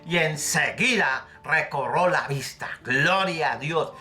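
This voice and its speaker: A man preaching with fervent conviction, pressing his listeners with pleading questions and acting out the voices of scripture. His voice is bright and ringing, pitched a little high for a man. A faint guitar plays softly underneath. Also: takes it slowly. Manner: acts out the scripture voices he quotes. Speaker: pastor. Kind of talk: recorded sermon.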